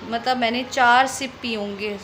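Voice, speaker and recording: A woman's voice: on the high side, fairly even intonation, unhurried, fairly bright tone, slight background noise. A young woman from Delhi telling a personal story on her vlog in a chatty way, often repeating phrases for emphasis. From Delhi, India. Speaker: vlogger.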